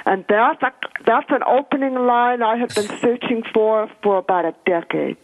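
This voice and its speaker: A woman's voice: fairly high pitch, moderate pace. A woman chatting casually as a guest over a phone line, with atypical, different-sounding speech of someone hearing impaired. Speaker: radio show host and speaker, calling in as a guest. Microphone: telephone. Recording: narrow, tinny phone line.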